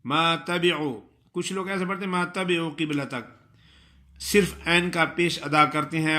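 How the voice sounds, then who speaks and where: A man giving a tajweed lesson, explaining pronunciation and then reciting verses in a drawn-out melodic chant. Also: fairly high pitch, bright, forceful tone. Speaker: Quran recitation teacher.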